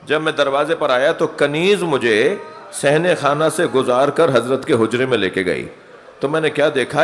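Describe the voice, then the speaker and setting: Impassioned man preaching in a reverberant hall. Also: medium pitch. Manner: rises from soft narration to anguished, loud cries; recounts a story, acting out quoted voices. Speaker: cleric giving a mourning sermon. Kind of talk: Muharram majlis sermon.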